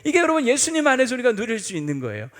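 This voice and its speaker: Lively, high-voiced pastor preaching. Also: male voice, very fast. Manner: earnest, addresses the congregation directly. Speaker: senior pastor. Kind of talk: Sunday sermon.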